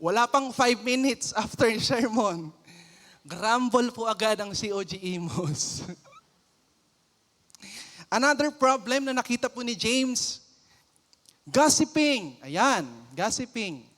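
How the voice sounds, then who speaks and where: A Filipino man preaching a lively church sermon, playful, acting out everyday scenes and mixing in English phrases. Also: extremely high pitch, takes it slowly, long pauses. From Philippines. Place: church sanctuary. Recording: long church hall reverb.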